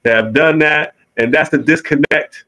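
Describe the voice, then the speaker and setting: A man's voice: fairly high pitch, moderate pace, sharp tone, rough recording. A man with a Southern US accent co-hosting a podcast, telling a story in an easygoing, affirming way. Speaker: podcast co-host. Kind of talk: casual podcast chat.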